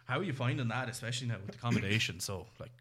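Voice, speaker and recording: A man's voice: mid-range voice, animated, very fast, fairly bright tone, slightly rough. A man with a Limerick Irish accent hosting a casual student radio show, chatty and enthusiastic. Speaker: host.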